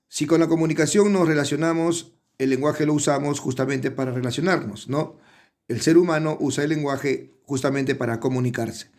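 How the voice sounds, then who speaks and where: With a mid-range, darkish voice, a middle-aged teacher leads an online lesson, breaking explanations into steps. He frequently speaks directly to his students and checks in with tag questions.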